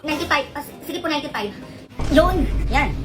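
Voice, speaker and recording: A woman's voice: high voice, lively intonation, fairly quick. A woman from the Philippines performing sassy, scolding comedy skit dialogue. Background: background music.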